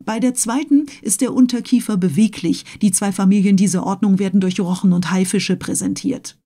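A woman's voice: medium pitch, fairly quick, warm tone, close to an everyday voice. A woman voicing a pedantic, tireless male servant who lectures in precise lists, raised above her own voice, in a storybook reading. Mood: lecturing.

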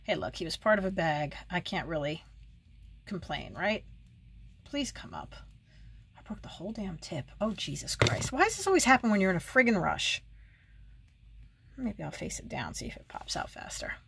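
Chatty woman with a lively, swooping voice. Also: fairly low pitch, normal speed, gravelly, pauses often, a little hiss or hum. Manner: chatty, wry, mutters asides to herself. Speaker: beauty vlogger. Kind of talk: casual get-ready-with-me chat. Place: at home, seated while doing makeup.

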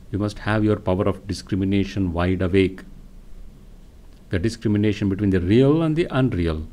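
A man of mid-range pitch delivers a spiritual lecture as a monk. His delivery is slow and serene, with deliberate pauses between phrases. The intonation rises and falls widely as he instructs. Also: mellow. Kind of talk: religious discourse, reading from spiritual teachings.

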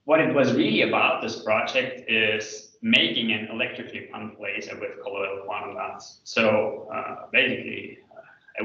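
A man gives a hesitant, hedging academic thesis presentation over a video call, in a very echoey room and far from the microphone. His voice is low and slightly gravelly, with halting explanations. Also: bright, forceful tone. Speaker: PhD candidate presenting thesis defense. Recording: echoey room, distant mic, dull video-call sound.

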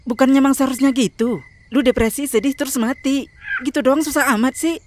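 A woman's voice: sits high, steady tone, fairly quick, a little hiss or hum, lightly acted. A woman voicing Meli, a jealous, clingy young female ghost in a cartoon, nagging and whiny. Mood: reproachful.

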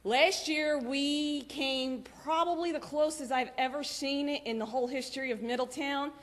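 A woman giving lively, chatty announcements to a church congregation, laughing often. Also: high voice, normal speed. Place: church sanctuary. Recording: long church reverb.

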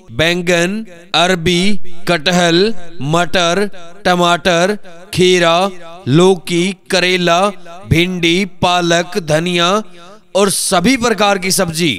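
Guy doing a melodic veggie vendor call, high voice, slow, calls out stuff one by one for a street ad recording. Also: fairly bright tone. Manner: repetitive calling out, listing items one by one. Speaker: vegetable vendor announcer.

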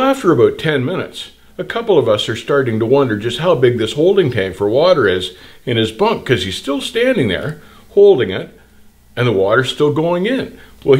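Fairly high in pitch, this older trucking-channel host speaks straight to camera in a small indoor studio. He hands out blunt, indignant, no-nonsense advice while gesturing widely.

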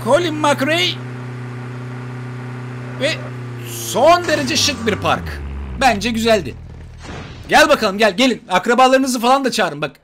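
A man commenting on his mobile shooter gameplay for viewers, excitable and joking, trash-talking enemies. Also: extremely high pitch, moderate pace. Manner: excitable, swears playfully, talks to viewers and enemies. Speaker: gaming YouTuber. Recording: gunfire and game noise behind.

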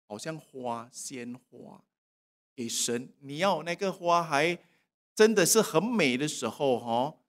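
Animated man preaching a sermon. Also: fairly high pitch. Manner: animated, swinging between soft and loud, asking the congregation questions. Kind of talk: sermon with personal testimony. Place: church worship service.

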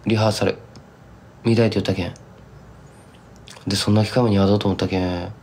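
With a lowish, steady voice that's fairly quick, a bit mellow, slightly rough, and marked by vocal fry, this young man chats with fans on a live stream. He's a Kumamoto, Japan singer-songwriter who rambles and drifts into thick Kumamoto dialect.

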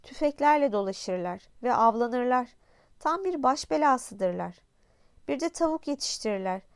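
A woman's voice: a little high, lively intonation, normal speed, clean tone, dry recording, clean studio sound. A woman voicing a patient wise fox. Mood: explaining. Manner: patient, explaining, matter-of-fact. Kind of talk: audiobook character voice.

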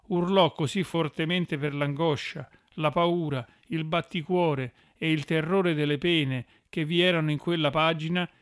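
A man narrating a religious audiobook in a measured, solemn way. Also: on the high side, fairly bright tone, smooth, no echo, clean studio sound.

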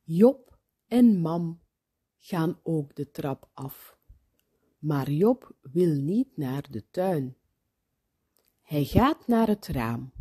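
Slow, breathy woman reading to children. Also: low-pitched. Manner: very slow, expressive, drops to whispers. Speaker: storyteller. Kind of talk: children's story read aloud.

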